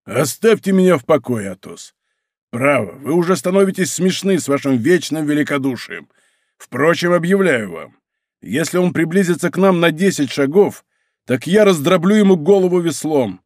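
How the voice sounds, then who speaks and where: A blustering, hot-tempered musketeer who threatens gruffly, his voice louder and raised, as a male narrator puts him on. He is brash and impatient with everyone. The sound is dry and close. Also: on the high side, expressive, moderate pace, no echo. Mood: irritated.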